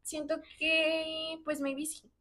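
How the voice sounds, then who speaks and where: A woman's voice: high voice, level tone, drawn-out words, bright, forceful tone. A young woman with a Mexican accent, co-hosting a casual podcast chat, talking in a chatty way full of fillers and giggles. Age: young adult. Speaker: podcast co-host.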